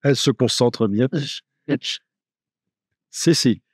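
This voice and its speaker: A man giving a live software tutorial, chatty and joking, thinking aloud as he works. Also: medium pitch, slow, breathy edge, no echo, clean studio sound. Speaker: software instructor.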